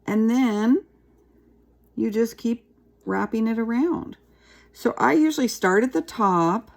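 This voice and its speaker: Gravelly-voiced woman teaching a craft. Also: on the high side, slow pace. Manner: chatty, relaxed, talks while working with her hands. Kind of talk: casual craft tutorial.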